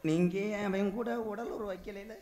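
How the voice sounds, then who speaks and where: A man performing stage comedy in a village drama, teasing and loud, bantering with laughs. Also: high-pitched, fairly even intonation, normal speed. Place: outdoor village stage with a crowd. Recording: live stage with crowd noise.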